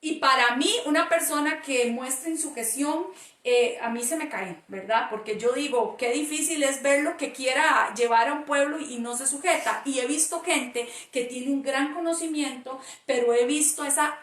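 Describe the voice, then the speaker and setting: A woman speaks reflectively in a church talk, often pausing on hesitant fillers. Her voice is high. The audio is echoey and comes from a mic set far off. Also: fairly bright tone. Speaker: co-host. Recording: roomy audio from a distant mic.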